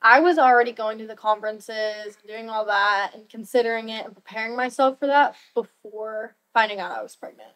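A woman's voice: on the high side, fairly quick, hardly any pauses, a bit bright, rough recording. A young woman talking in an upbeat, chatty way with many fillers in a casual interview, as a new real estate agent. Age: young adult.

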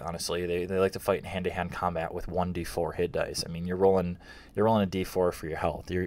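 Low-voiced man casually explaining game rules. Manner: relaxed, reads rules aloud with fillers and asides.

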